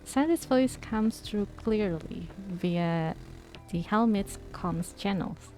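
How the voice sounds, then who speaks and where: Reading a game's story aloud, a streamer with a mellow, soft-edged, mid-range voice drifts into casual, thinking-aloud chat with her viewers between passages. She's animated yet slow, and faint music plays beneath her.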